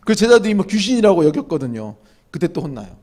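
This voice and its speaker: High-voiced man preaching conversationally. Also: sing-song, fast talker, darkish tone. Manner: conversational, asks the audience questions and acts out scolding quotes. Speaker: pastor. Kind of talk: sermon. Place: indoor church hall at a small evening gathering.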